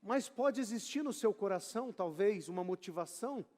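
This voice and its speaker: A pastor, reading scripture and explaining it with casual asides in a sermon. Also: male voice, high-pitched, lively intonation, moderate pace, darkish tone. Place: church sanctuary. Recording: long church hall reverb.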